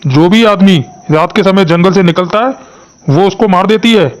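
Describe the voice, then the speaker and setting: A man's voice: sits high, moderate pace, close to an everyday voice. A man voicing a timid, fearful young village man in a cartoon, speaking in a nervous, pleading way. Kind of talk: cartoon voice acting.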